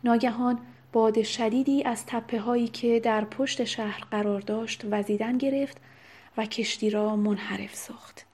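A woman narrating a novel in a soft, unvoiced whisper with steady, even reading. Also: fairly high pitch, breathy edge. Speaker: audiobook narrator. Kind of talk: whispered storytelling.

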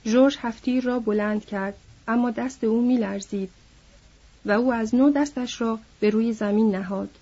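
A woman reads an audiobook in a measured, somber way. Her voice is mellow and husky and sits a bit high, and the lo-fi recording sounds dull. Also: steady tone. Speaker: narrator. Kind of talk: audiobook narration.

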